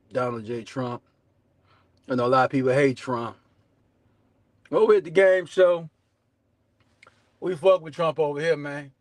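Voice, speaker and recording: A man's voice: mid-range voice, dry recording. Brash Southern US man, slangy show host. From southern United States. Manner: brash, profane, slangy, repeats catchphrases. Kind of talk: casual political commentary, preaching to viewers.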